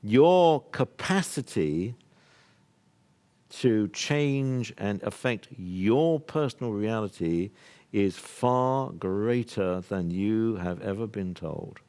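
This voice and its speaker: An older man from the United Kingdom gives a workshop talk to a live audience in a fairly low, dark, animated voice, speaking slowly. He's earnest and emphatic but rambles, laughing and restarting as he goes.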